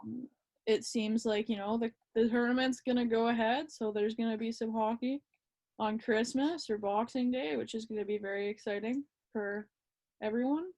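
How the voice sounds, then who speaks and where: A woman co-hosting a casual hockey chat, relaxed and hesitant with lots of ums. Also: fairly high pitch, moderate pace. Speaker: podcast co-host.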